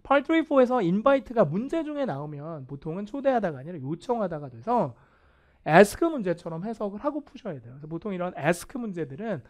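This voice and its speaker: A man teaching English vocabulary in a video lecture, animated and playfully self-mocking. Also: high-pitched, normal speed. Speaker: English test instructor.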